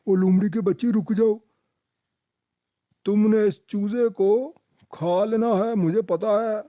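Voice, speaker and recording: A man voicing a stern, protective male donkey who scolds loudly and bossily for a cartoon. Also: high-pitched, fairly even intonation, slow pace, no echo. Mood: scolding. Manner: loud, scolding, bossy. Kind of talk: cartoon voice acting.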